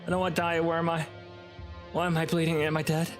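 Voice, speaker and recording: A man's voice: high-pitched, fairly even intonation, measured pace, creaky, soft background music, pitched above the performer's own voice. A man voicing a terrified, wounded young person in a game who begs repeatedly to be let go. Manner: pleading, frightened, repetitive.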